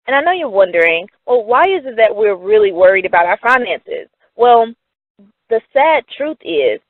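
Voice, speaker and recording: A young woman presenting for a company gives an upbeat, persuasive scripted sales pitch about money, posing questions and answering them herself. Her mid-range voice has no room sound, and the recording is dry and narrow like a phone.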